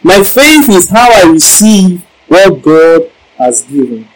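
Emphatic male preacher, lively pitch. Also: slow, rough recording. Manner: emphatic, repeats lines, asks the congregation questions. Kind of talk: sermon with Bible teaching.

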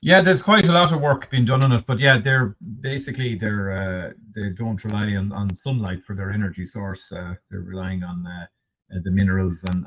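Male interviewee, Kerry accent from the west of Ireland. Low register, halting informal explanations, muffled audio. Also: slight background noise. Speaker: interview guest, marine research manager. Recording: dull, narrow lo-fi audio.

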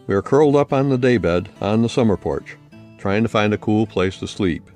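A man with a lowish voice reads his own short story aloud. His delivery is plain and friendly, steady narration over faint guitar. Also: normal speed. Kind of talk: story reading.

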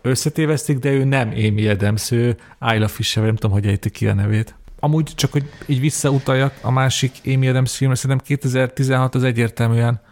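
A man's voice: medium pitch, steady tone, darkish tone. A young man co-hosting a film podcast, talking casually and often repeating words as he thinks. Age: young adult. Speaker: podcast co-host.

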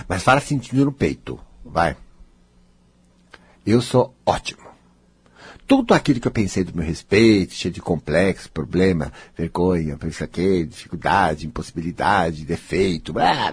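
A man's voice: a bit bright, husky, dry recording. A man giving a guided self-help talk, dramatic, playing out inner voices. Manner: dramatic, acts out inner voices, swings high and low.

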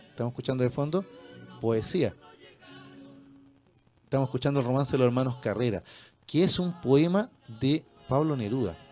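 Chilean radio host, tag-question habit. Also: male voice, medium pitch, a little mellow. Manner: peppers speech with tag questions. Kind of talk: casual radio chat about music. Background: faint music.

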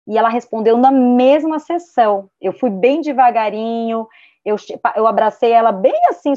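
A woman's voice: medium pitch, no room sound. A woman with a Brazilian Portuguese accent, a music therapist in her thirties, talking casually in a panel conversation and tagging her sentences with a questioning 'né'. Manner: chatty, tags nearly every sentence with a questioning 'né', restarts often; gets lively when retelling a story. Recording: dry, slightly dull call audio.

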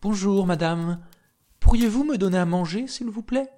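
Guy doing a high eager little boy voice, polite. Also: normal speed, warm tone, lightly acted. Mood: cheerful. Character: polite cheerful young boy.

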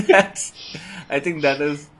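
A man's voice: on the high side, takes it slowly. A man with an Indian accent co-hosting a podcast, wryly riffing in casual comedic chat and switching between languages. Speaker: podcast co-host.

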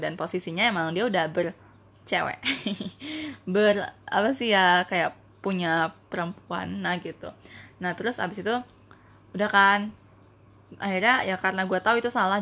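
A young woman casually telling a personal story in a chatty, slangy way, acting out the people in it. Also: mid-range voice. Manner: chatty, slangy, animated retelling with frequent laughter.

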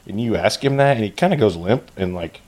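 A man's voice: fairly low pitch, lively intonation, brisk, a little mellow. A man narrating as game master of a tabletop game, casual and chatty, laughing and using lots of fillers.

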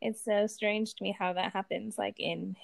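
A woman co-hosting a casual podcast, speaking in a slow, reflective way. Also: medium pitch, fairly even intonation, vocal fry, no echo. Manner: slow, reflective, reacts with short interjections. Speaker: podcast co-host.

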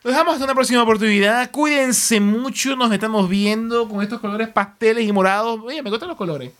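A man's voice: high-pitched, fast talker, a bit bright. A man co-hosting a casual podcast, who often restarts and repeats words and slips English words into his Spanish. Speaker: podcast co-host.

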